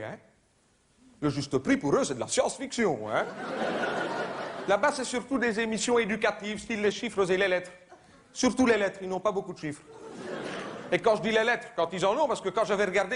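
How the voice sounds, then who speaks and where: A man doing live stand-up comedy, mocking and conversational, now and then shouting in put-on voices. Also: sits high. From Belgium. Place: theater stage before a live audience. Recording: live show recording with crowd noise. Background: audience laughter and applause.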